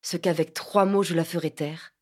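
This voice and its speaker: A troubled teenage boy broods in a low, muted inner voice, as a woman reader puts him on. He sounds quiet and withdrawn, from a storybook reading. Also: fairly even intonation, normal speed. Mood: bitter.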